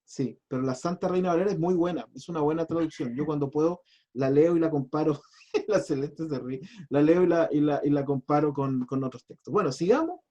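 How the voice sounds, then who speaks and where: Pastor guy walking a class through hebrew, kinda high mellow voice, patient and chatty. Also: a little fast, muffled recording. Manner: patient, explanatory, chatty with restarts. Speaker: pastor teaching biblical Hebrew. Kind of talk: online class lecture.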